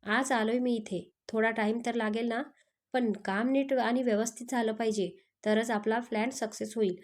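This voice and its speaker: A woman's voice: a little high, steady tone, normal speed, darkish tone, lightly acted. A woman voicing a secretive male accomplice talking over the phone. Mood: conspiratorial.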